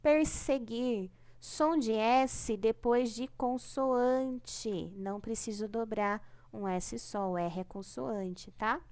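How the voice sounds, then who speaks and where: A woman's voice: fairly high pitch, slow, few pauses, darkish tone. A woman teaching a primary class remotely with a Brazilian Portuguese accent, patient and repetitive, stretching out key words and checking in often.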